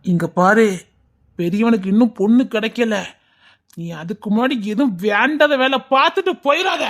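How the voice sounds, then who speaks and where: A man's voice: extremely high pitch, normal speed, fairly bright tone. A man playing a suspicious village father who scolds his son and threatens him. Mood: scolding. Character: stern village father hunting a bride for his elder son.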